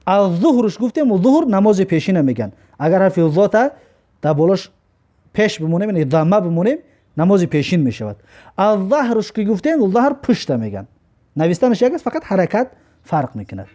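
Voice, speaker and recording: Slow, lilting Tajik-accented male teacher. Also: mellow. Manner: reads each word slowly, then explains in a lower voice. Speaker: Arabic teacher. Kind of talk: recorded lesson.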